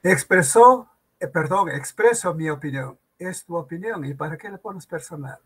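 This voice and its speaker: A man's voice: a little high, lively intonation, normal speed, fairly bright tone, husky. A man teaching a grammar class, drawing out example words and firing rhetorical questions at his students.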